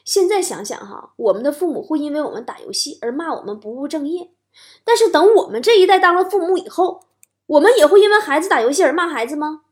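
A woman hosts a stand-up comedy monologue. Her voice sits high and swoops widely as she tells stories and lands playful punchlines. She keeps an animated storytelling manner throughout. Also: quick pace. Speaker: talk show host.

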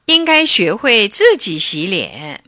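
一位女士在故事朗读中扮演一位慈爱耐心的猫妈妈，语气轻柔、循循善诱。. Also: female voice, medium pitch, huge pitch swings, slow, dry recording, studio quality, full character voice. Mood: coaxing. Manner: gentle, coaxing. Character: patient loving mother cat. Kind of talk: storybook reading.

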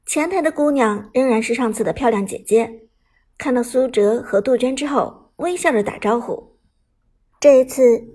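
A woman narrating a serialized novel as an audiobook, in a steady, even storytelling manner. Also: fairly high pitch, breathy edge.

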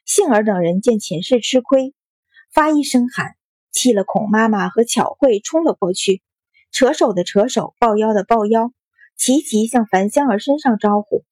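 Husky woman reading a story. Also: fairly high pitch, lively intonation, normal speed, a little mellow, dry recording. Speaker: narrator. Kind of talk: audiobook reading of a period novel.

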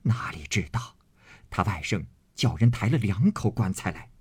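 Husky low-voiced male storyteller. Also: animated, normal speed, dry recording. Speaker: narrator. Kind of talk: storytelling reading of a classic novel.

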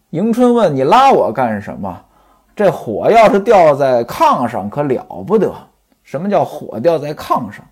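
A man's voice: high voice, a little mellow, breathy edge. A man telling a classic tale in traditional storytelling style, chatty and stopping to explain old customs to his listeners.

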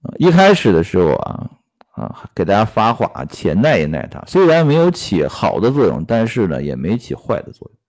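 A man with a lowish voice tells an old tale, his pitch rising and falling a lot. He breaks off to comment, tossing in fillers and questions to his listeners. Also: brisk. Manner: lively, frequent "啊" fillers, rhetorical questions. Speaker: storyteller and commentator. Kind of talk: storytelling with workplace commentary.

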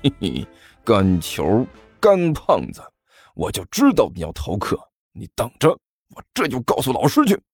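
A man's voice: mid-range voice, wildly swooping pitch, normal speed, breathy edge, no room sound, soft background music, exaggerated voice. A man voicing a prim, self-righteous schoolmate with a sneering, tattling manner. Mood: gloating. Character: snide, prim male schoolmate who tattles.

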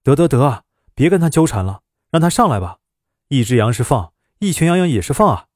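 A man voicing a gentle middle-aged woman doctor who speaks urgently and pleadingly, in a storybook reading. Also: mid-range voice, big pitch swings, brisk, dry recording, studio quality. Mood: resigned.

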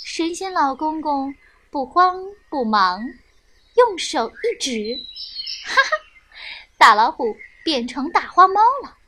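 Brief: a gentle storyteller woman for children, high and slow. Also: a little hiss or hum. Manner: slow, expressive, addressing children.

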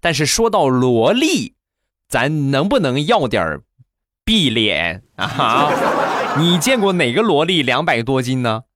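A man hosting a comedy show, telling funny anecdotes in a chatty, animated manner and acting out the voices. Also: fairly high pitch, normal speed, dry recording. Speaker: comedy host. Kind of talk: comic storytelling.

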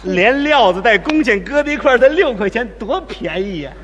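A man performing live crosstalk comedy as the lead teller, boastful and sly in his quick patter. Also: extremely high pitch, animated, fairly bright tone, lo-fi sound. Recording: live stage recording in a hall.

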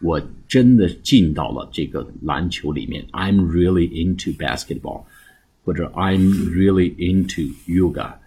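A man's voice: low-pitched, unhurried, warm tone, slightly rough. A man teaching a recorded English lesson in Chinese, explaining phrases one by one with many filler sounds and strong stress on the key words.

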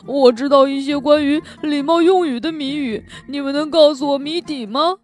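A woman's voice: high-pitched, normal speed, soft background music, pitched above the performer's own voice, natural voice. Woman doing a fretful little gnome man. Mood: eager. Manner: loud, emphatic, fretful. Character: anxious little male gnome, tearful then eager. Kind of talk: storybook read-aloud for children.

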